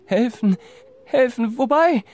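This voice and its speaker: A man voicing a frightened young village man in a storybook tale, talking loud and high while stammering with forced boldness. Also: animated, slow pace, a little hiss or hum, exaggerated voice. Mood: scared loud.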